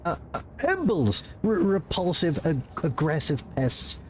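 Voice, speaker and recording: A man's voice: on the high side, big pitch swings, unhurried, slight background noise. A man voicing a frantic, guilt-ridden, overworked clerk in a video game, stammering and pleading as he talks. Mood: flustered. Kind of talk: improvised reading of game dialogue.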